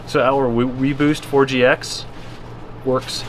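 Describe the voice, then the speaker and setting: A man chats casually as an RV travel vlogger, wandering through his thoughts without a script. His voice sits at a medium pitch, with faint ambient noise behind it. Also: little pitch movement, slow. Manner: informal, unscripted, rambling. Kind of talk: casual, chatty vlog talk.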